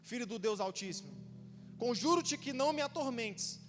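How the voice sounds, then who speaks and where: A man's voice: very high-pitched, lively intonation, moderate pace, music in the background, pitched above the performer's own voice. A man voicing a male demon who cries out and begs Jesus, heard in a long church reverb. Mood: pleading.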